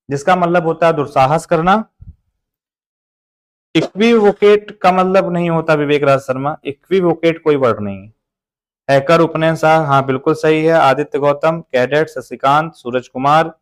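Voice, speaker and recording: A man with an Indian accent teaching English grammar in a live online class, joking through memory tricks and reading out viewers' names. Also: a little high. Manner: jokey mnemonic explanations, reads out viewer names; motivational.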